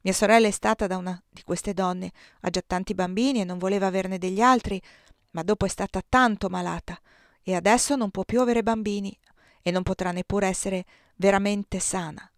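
Woman reading as a calm, frank maid. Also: mid-range voice, fairly quick, no room sound, clean studio sound, lightly acted. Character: a calm, frank working-class housemaid.

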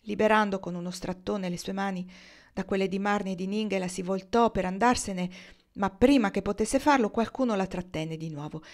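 Female audiobook narrator, calm, measured reading. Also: mid-range voice. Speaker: audiobook reader. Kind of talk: novel reading.

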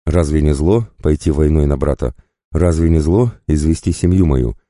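A man's voice: extremely low pitch, moderate pace, mellow, no room sound, clean studio sound. A man voicing a young prince, bitter and cold in his anger. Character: young boy prince, proud and vengeful.

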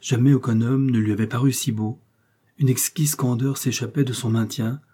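A man reading a classic novel aloud in a measured, expressive way. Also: medium pitch, husky. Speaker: audiobook reader. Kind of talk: literary narration.

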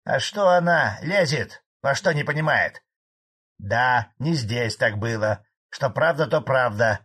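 A man voicing an angry, blunt old male Soviet cattle farmer in an audiobook, gruff and indignant. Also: mid-range voice, expressive, slow, a bit bright, pitched above the performer's own voice, heavily acted.

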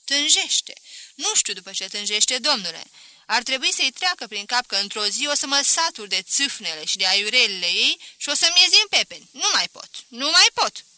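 A loud, self-pitying middle-aged shopkeeper from a storybook reading, grumbling over and over about his lot, as a woman acts him out. The voice is bright and close, with a dry, echo-free sound. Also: a little high, sing-song, full character voice. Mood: complaining. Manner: loud, complaining, repeating himself.

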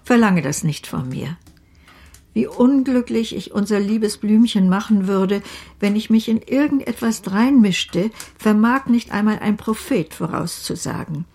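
An actress playing a wise, firm, kindly elderly aunt in a radio play, husky and gravelly, deliberate and gently admonishing. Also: female voice, medium pitch, animated. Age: older.

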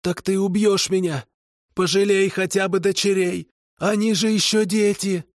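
A man's voice: high-pitched, steady tone, normal speed, no room sound, studio quality, pitched above the performer's own voice. A man voicing a desperate old female swamp spirit who shrieks and hisses. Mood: pleading. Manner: shrieking and hissing.

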